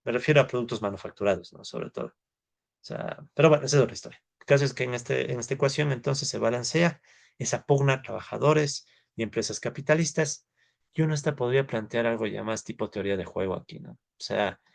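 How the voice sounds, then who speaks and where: A man lectures on economics in a loose, chatty way, peppering his points with quick tag questions to his class. His voice has a gravelly, fry-laden edge, and it sits at a middle pitch. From Ecuador. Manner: conversational, tags sentences with "¿no?" and "¿ya?", thinks aloud. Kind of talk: informal lecture.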